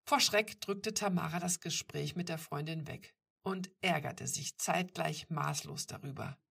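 Woman narrator, low and husky, calm storytelling. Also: unhurried, recorded from a distance. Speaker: audiobook reader. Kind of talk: scripted narration.

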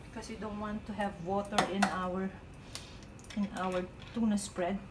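A middle-aged woman talks through a home cooking demonstration step by step, in a chatty, easygoing way. She sounds like she is in a small kitchen with a lot of echo, filmed on a phone. Clear background noise comes through behind her voice. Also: medium pitch, flat delivery, normal speed. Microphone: handheld phone camera filming her.

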